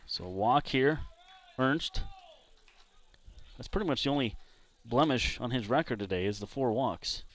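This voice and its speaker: A man from San Diego doing play-by-play commentary for a baseball game, chatting between pitches. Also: measured pace. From San Diego, California. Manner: relaxed, chatty between pitches, jumps up loud on big hits. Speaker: play-by-play announcer.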